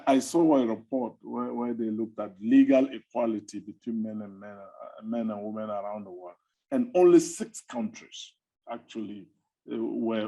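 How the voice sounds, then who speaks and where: A middle-aged male academic speaks on an online panel with a husky, slightly breathy voice. His tone is dark and mellow. He talks conversationally and drifts into playful asides. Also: medium pitch, poor audio. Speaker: academic fisheries researcher, webinar panelist. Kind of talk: webinar talk.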